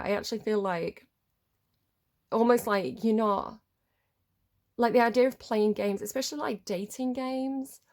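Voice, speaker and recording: Woman, stuffy-nosed with a cold, medium pitch, chatty tarot reading, informal, rambling. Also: darkish tone. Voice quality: slightly muffled, congested nose. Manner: rambling, informal, often checks with "right?". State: has a head cold. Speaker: tarot card reader.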